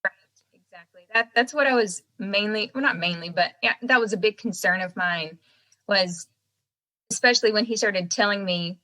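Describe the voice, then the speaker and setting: An American singer-songwriter, guesting on a podcast, chats casually and laughs while speaking out of one side of her swollen mouth. Her mid-range voice comes across pushed and bright. The recording is rough.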